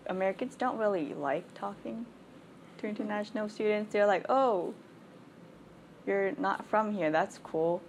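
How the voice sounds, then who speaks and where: A Thai woman in her twenties with a mid-range, slightly mellow voice answers interview questions as an international student, with slight background noise. Her answers are candid, frank and chatty, full of "like."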